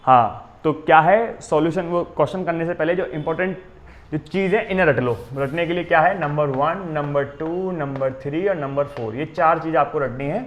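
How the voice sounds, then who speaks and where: A man with an Indian accent teaching a physics coaching class at a board. He stops often to ask "है ना?" and reads definitions out slowly, word by word. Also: a little high, highs cut off. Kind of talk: exam coaching lecture at a board.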